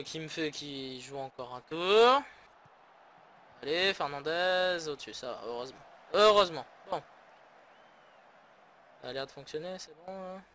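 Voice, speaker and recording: A French gaming YouTuber with a slightly bright voice on the high side gives sarcastic, grumbling let's-play commentary on a football management game. He swears often in his casual remarks.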